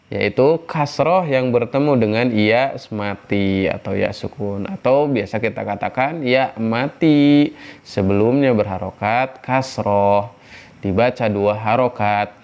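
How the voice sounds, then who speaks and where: A man teaching Quran recitation rules, patiently explaining and drawing out syllables slowly to demonstrate. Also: mid-range voice, a little mellow, lo-fi sound. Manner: patient, repeats syllables slowly to model pronunciation. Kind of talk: tajwid lesson with slow demonstrations.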